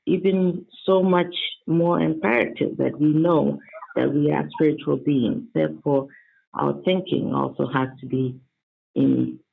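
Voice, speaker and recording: A man with a fairly high, gravelly voice speaks slowly and deliberately in a devotional style. He comes over a narrow phone-like line with faint noise. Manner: measured, deliberate phrasing. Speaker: reader and discussion participant. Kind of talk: reading devotional texts and commenting.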